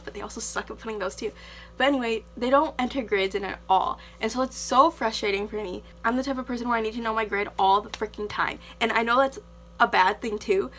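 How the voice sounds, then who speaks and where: A young woman with an American accent and a fairly high voice vents in a casual vlog style. She is exasperated and emphatic, chatty and full of "like". There is clear noise and a hum behind her. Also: a bit bright. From United States. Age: young adult. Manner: exasperated, emphatic, conversational with frequent 'like'. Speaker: vlogger, exchange student. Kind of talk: casual rant to camera.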